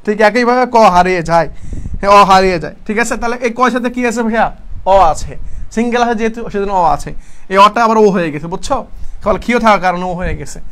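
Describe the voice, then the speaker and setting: A man's voice: sits high, fast talker, a bit bright, clean tone. A young man from Chittagong gives an exam-prep lesson. He explains step by step, asks questions and answers them himself, and calls his students brother. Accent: Chittagong Bangla. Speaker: teacher.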